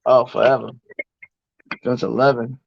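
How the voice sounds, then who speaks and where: A man's voice: mid-range voice, flat delivery, a little slow, creaky, dry recording. A man in his forties with a Boston accent, a guest on a livestream, talking in short, easygoing slangy replies over a muffled video call. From US East Coast. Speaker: guest caller. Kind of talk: casual livestream chat.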